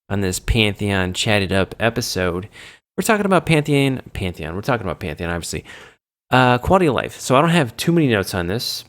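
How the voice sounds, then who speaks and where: A man with a cold hosting a casual gaming chat, rambling and poking fun at himself as he loses his train of thought. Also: fairly low pitch. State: sick with a cold. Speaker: gaming show host.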